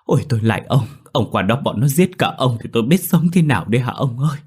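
A man with a low, husky, fairly quick voice plays a grieving elderly mother in a ghost story. She wails, weeps, and pleads tearfully.

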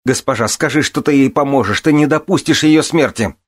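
A man voicing a grief-stricken young man who shouts furious accusations. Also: medium pitch, brisk, pitched above the performer's own voice, natural voice. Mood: furious shouting. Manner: shouting, frantic.

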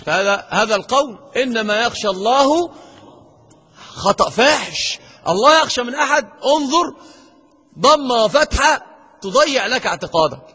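A man with an Egyptian Arabic accent giving a grammar lecture to a class, quizzing the students with rhetorical questions and slowly stressing the verses he quotes. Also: extremely high pitch, big pitch swings, sharp tone, husky, long reverb tail. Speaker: Islamic scholar teaching grammar.

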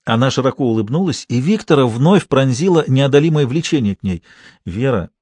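A man narrating an audiobook in steady, even storytelling. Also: mid-range voice, brisk, no room sound. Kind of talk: scripted narration.

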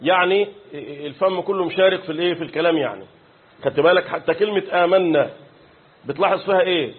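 A man's voice: high voice, fast, breathy edge. A man with an Egyptian Arabic accent teaching a Quran commentary lesson, chanting verses and quizzing students with rhetorical questions. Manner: recites verses in a chanted style. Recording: phone-like lo-fi recording.

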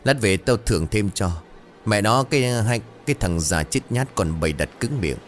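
A man's voice: lowish voice, expressive, normal speed, soft background music, close to an everyday voice. A man voicing a bad-tempered older male landlord who snaps and curses at his servant. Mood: angry scolding. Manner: snapping, scolding and cursing.

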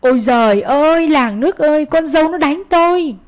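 A woman voicing a shrill, abusive old mother-in-law in an audio story. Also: animated, fast, natural voice. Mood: wailing.

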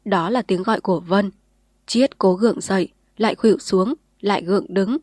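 A woman narrating a novel in a steady, measured reading voice. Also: mid-range voice, no room sound, studio quality. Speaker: storyteller.

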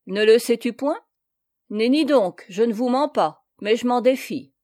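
A woman's voice: fairly high pitch, measured pace, a little mellow, no echo, studio quality, close to an everyday voice. A woman reading a sly peasant man. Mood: wheedling. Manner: rustic, evasive, wheedling. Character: sly middle-aged male peasant, falsely humble. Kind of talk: audiobook character reading.

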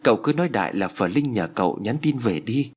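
A man voicing a village woman who guides a visitor and speaks to him in low, confiding tones. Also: animated, quick pace, husky. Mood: hushed. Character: guiding village woman, hushed and secretive.

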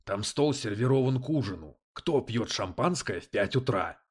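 A man voicing a brash male police detective who talks in crude slang, loud and sarcastic. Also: medium pitch, animated, moderate pace, breathy edge. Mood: mocking.

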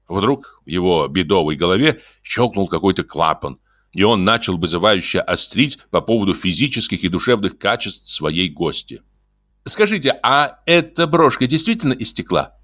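Low-voiced guy reading a novel aloud, very animated, dead dry sound. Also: dry recording. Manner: lively, theatrical storytelling. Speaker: audiobook narrator. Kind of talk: expressive literary narration.

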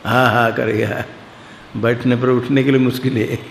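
A man's voice: mid-range voice, little pitch movement, normal speed, creaky. A man teaching a scripture lesson, explaining it word by word and putting questions to his class. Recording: echoey hall with faint background noise.

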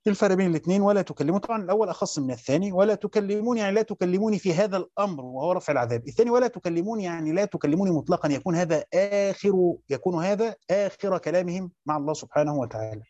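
A rapid, rather high-voiced man with an Egyptian Arabic accent delivers a classroom lesson. He reads a passage aloud, then explains it and asks his listeners questions. The recording is dry and lo-fi. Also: animated, mellow, dry recording. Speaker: teacher of Quran commentary. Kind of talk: classroom lecture reading and explaining a text.

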